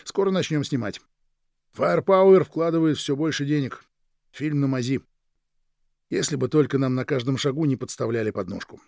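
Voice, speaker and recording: A man voicing a worldly man who tells stories in a lively, animated way in a storybook reading. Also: medium pitch, moderate pace, vocal fry, no room sound, studio quality, lightly acted. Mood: explaining.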